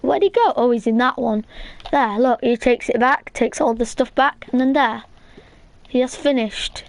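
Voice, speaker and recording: Chatty high-voiced woman gaming host. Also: steady tone, measured pace, no echo. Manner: chatty, rambling, lots of "like" and "um". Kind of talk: casual gameplay tutorial chat.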